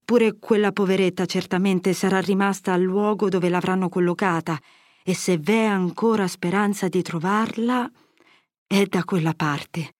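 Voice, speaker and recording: A woman's voice: mid-range voice, fairly even intonation, measured pace, no echo, studio quality, lightly acted. A woman reading an audiobook, voicing a grave elderly male friar whose solemn words turn to severe rebuke. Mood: grave, gentle. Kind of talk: audiobook character voice.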